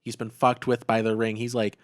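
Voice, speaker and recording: A man's voice: fairly low pitch, monotone, fairly quick, no echo, studio quality. Laid-back ironic male podcaster. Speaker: podcast co-host. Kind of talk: casual comedic chat.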